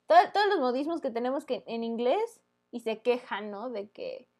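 A woman's voice: a little high, big pitch swings, normal speed, darkish tone. A young woman with a Mexican Spanish accent chatting casually on a podcast, opinionated and emphatic, with lots of slang. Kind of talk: casual chat.

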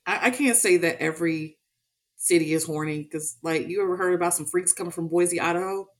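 A woman co-hosts a podcast in a lowish voice. She speaks emphatically, with a teasing edge in the banter. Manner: emphatic and quick to tease. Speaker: podcast co-host. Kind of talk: casual chat.

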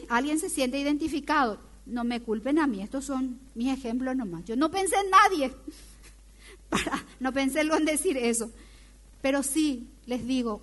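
A woman delivers a sermon in a high, clear voice. She talks in a lively way and keeps turning to her listeners with questions. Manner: lively, asks the audience questions. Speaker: preacher.

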